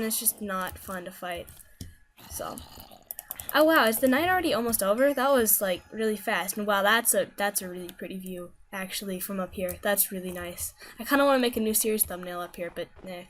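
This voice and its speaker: A woman's voice: mid-range voice, a bit bright, slight background noise. Chatty woman narrating her gameplay. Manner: chatty, rambling, self-correcting. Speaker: gaming video host. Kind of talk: casual gameplay commentary.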